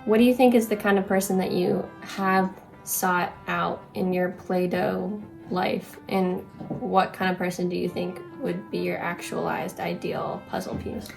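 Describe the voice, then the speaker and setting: A woman's voice: lowish voice, fairly even intonation, a little slow, creaky, soft background music. A young woman in casual chat, asking questions and teasing in a dry way. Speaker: co-host.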